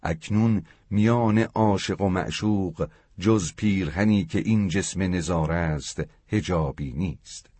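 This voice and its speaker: A man reading as a dying old mystic, husky and low. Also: dry recording. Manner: calm, gently wry. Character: dying old male mystic, calm and wry.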